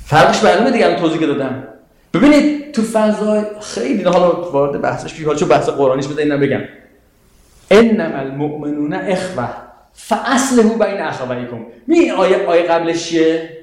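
A man gives a religious lecture with a high, lively voice. He quotes scripture and keeps questioning his listeners. The sound rings out in a strongly echoing hall. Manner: animated, asks the audience questions, quotes scripture. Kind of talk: lecture to an audience. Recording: very echoey hall.

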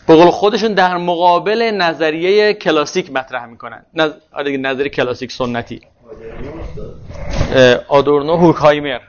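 A man's voice: sits high, muffled recording. A man giving a classroom lecture on social theory, thinking aloud and often restarting words mid-phrase.

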